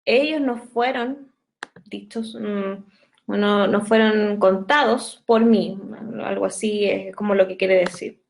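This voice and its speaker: Slow, patient teacher woman. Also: medium pitch, steady tone, creaky, darkish tone, rough recording. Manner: patient, step-by-step, slows to dictate English sentences. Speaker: English teacher. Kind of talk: online class explanation.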